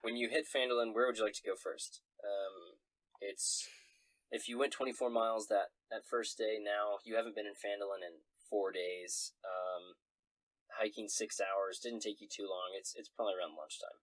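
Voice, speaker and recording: A man's voice: on the low side, fairly even intonation, normal speed, fairly bright tone, no room sound, poor audio. A man acting as game master, narrating a tabletop role-playing game in a casual, conversational style.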